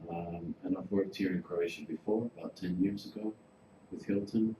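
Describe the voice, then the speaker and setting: A Greek hotel manager in his forties gives an informal workshop, presenting casually to a class in a chatty way packed with fillers. His deep voice stays steady at a moderate pace, recorded in a roomy, noisy space.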